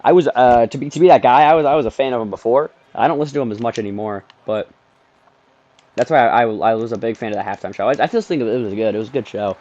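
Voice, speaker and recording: A young man streaming a football video game alone from his bedroom, chatting in a loose, rambling way full of ums and sudden bursts of play-by-play excitement. He sounds a bit sleepy, his voice sits mid-range, and the recording is slightly dull and lo-fi. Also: mid-range voice, fast. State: sleepy, yawning. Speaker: gaming streamer. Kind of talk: casual gameplay commentary.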